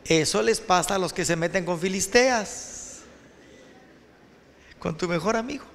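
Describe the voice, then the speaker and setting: Animated Mexican preacher in a reverberant hall. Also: male voice, high-pitched, unhurried, slight background noise. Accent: Mexican Spanish. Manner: animated, addresses students directly. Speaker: pastor. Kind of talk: sermon.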